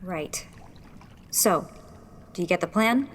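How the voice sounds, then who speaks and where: Loud music sits on top of this clip, along with a slight hiss or hum. A woman with a lowish, animated voice speaks slowly as a determined young rebel leader, an engineer in a sci-fi audio drama. She's earnest and focused, taking control as she explains the plan.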